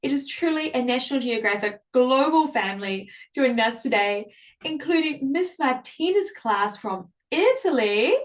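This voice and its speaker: A woman's voice: high voice, animated, normal speed. A woman hosting a live online classroom in an enthusiastic, welcoming, upbeat presenting style. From Samoa or New Zealand. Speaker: host.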